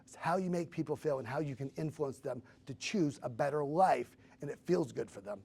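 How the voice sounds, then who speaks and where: A man's voice: on the high side, brisk, vocal fry, a little mellow, slightly rough. A man in his fifties, a guest telling his own story in an earnest, emotional way, with casual fillers. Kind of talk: candid personal storytelling.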